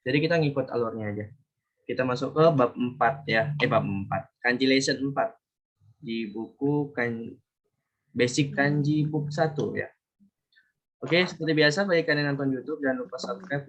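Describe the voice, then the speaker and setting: A man teaches an online language class in a loose, chatty way, often stopping to fix his own slips. His voice sits at an ordinary pitch. The sound is dull and lo-fi, as if it comes through a computer mic on a call. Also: moderate pace, long pauses, fairly bright tone. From Indonesia. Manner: chatty, self-correcting, talks to students directly. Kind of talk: casual online class lesson.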